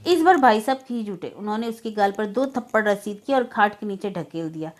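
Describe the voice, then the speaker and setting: A woman storyteller narrating a story in a slow, somber reading manner. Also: mid-range voice, lively intonation. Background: faint music.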